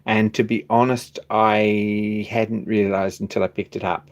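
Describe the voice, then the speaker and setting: A man's voice: on the low side, little pitch movement, measured pace. A man, hosting a hobby machine shop live stream and chatting casually, rambling with restarts and chuckling now and then.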